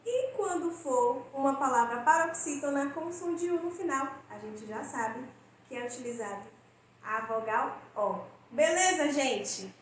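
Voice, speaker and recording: A woman with a high, bright voice teaches a recorded school lesson. She walks through each rule step by step and keeps turning back to her students to check that they follow. Her voice rings through a very echoey room over a faint hiss of noise. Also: lively intonation, a little slow. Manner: explains step by step, often checks in with the class.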